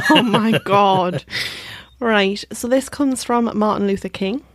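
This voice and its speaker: A woman's voice: mid-range voice, takes it slowly, fairly bright tone, dry recording. A woman with a Geordie accent co-hosting a podcast in casual chat, dropping dry, teasing quips. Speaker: podcast co-host.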